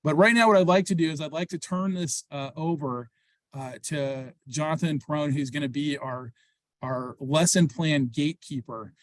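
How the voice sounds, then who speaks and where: A man hosting an online webinar, talking fast and upbeat with frequent fillers over a video call. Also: fairly high pitch, no echo. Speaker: program host. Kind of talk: webinar presentation.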